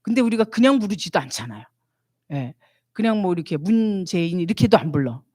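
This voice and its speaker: A woman's voice: lowish voice, big pitch swings, brisk, darkish tone, no echo, clean studio sound. A woman missionary giving a church retreat lecture, teaching animatedly and asking the audience questions that she answers herself.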